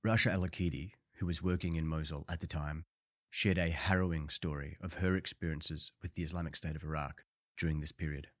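A man hosting and narrating a documentary in a calm, measured scripted delivery. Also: rumbling low. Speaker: host, narrator.

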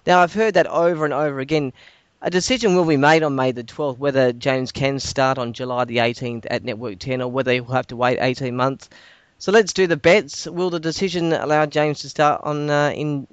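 Casual Australian male host, clear and resonant, halting phrasing, close dry sound. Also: medium pitch, no room sound, highs cut off. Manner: halting, repeats words as he goes. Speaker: podcast host. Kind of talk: casual discussion.

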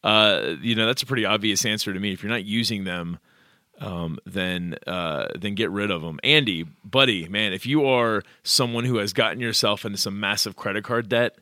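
A man's voice: on the low side, moderate pace, pushed and bright, no echo, clean studio sound. A man co-hosting a podcast. He gives blunt, direct advice in a casual way, with frequent fillers. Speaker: podcast co-host.

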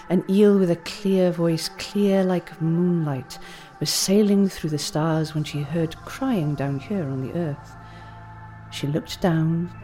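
A woman voicing a calm female principal teacher who tells an old legend in a measured, gentle cadence. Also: fairly low pitch. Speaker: teacher figure in an audiobook. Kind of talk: audiobook character reading.

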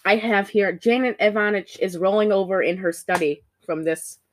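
A woman co-hosting a podcast in casual chat. She reviews a movie in an animated, gossipy way and leans on fillers as she goes. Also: mid-range voice, normal speed, slight background noise. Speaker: podcast co-host.

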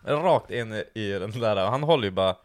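Young man, lowish voice, relaxed story, faint hiss behind. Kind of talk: casual chat, telling an anecdote.

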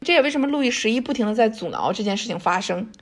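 Woman, higher voice, author guest on an interview; casual storyteller, chatty and colloquial. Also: expressive, rapid-fire. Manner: chatty, colloquial, often seeking agreement with tag questions. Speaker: author guest discussing their history book.

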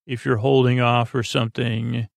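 A podcast host speaks in a middling-pitched, creaky voice with flat delivery at a normal pace, giving an unscripted, rambling bedtime monologue. He meanders, halts and repeats himself, whimsical and self-deprecating. The recording is dry, with no room sound.

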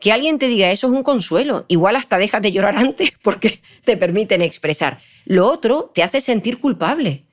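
A woman psychologist talks as a podcast guest. Her voice sits at a middling pitch. She explains at length, expressive and animated, and often checks that her listener is following. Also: moderate pace, hardly any pauses. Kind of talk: podcast interview conversation.

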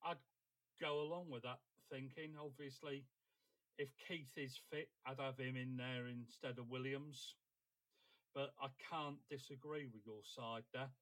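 A man's voice: medium pitch, fairly even intonation, measured pace, fairly bright tone, poor audio. Male podcast panellist, middle register, emphatic informal football talk. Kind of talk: casual football debate.

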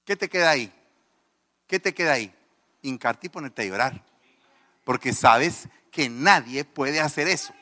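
A man's voice: medium pitch, lively intonation, unhurried, long pauses, sharp tone, big-room sound. A man, a pastor, giving a testimony sermon, telling the story with animation and acting out the people in it.

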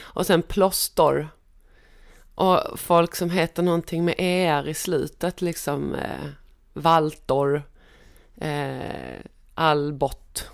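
A middle-aged Swedish woman with a broad Scanian accent talks as a guest, her voice sitting a little low. She tells her stories in a lively, animated way. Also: gravelly. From Skåne, Sweden. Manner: lively storyteller, mimics voices in anecdotes. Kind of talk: casual chat.

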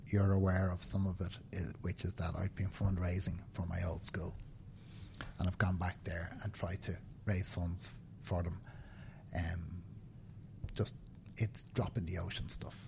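Low-pitched and mellow, his creaky voice is delivered flatly and a little slowly over a faint hiss or hum. He is a Dublin Irish man in his fifties who works in banking, an earnest, emphatic guest in an indoor seated interview, fond of tag questions such as "right?".

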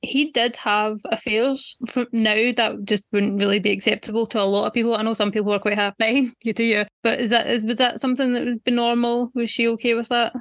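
Woman co-host, curious and chatty, slightly high, dry. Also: little pitch movement, brisk, hardly any pauses, no echo. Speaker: podcast co-host. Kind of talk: casual podcast interview.

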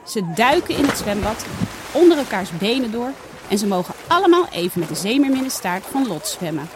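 A woman reading a children's story aloud, putting on lively voices for the characters' dialogue. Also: a little high, a little fast, noisy background. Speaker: storybook reader.

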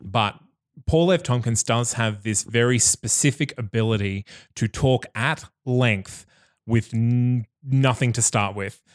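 A man co-hosting a podcast, relaxed and rambling with fillers in casual chat. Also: mid-range voice, unhurried, dry recording, clean studio sound. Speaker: podcast co-host; actor.

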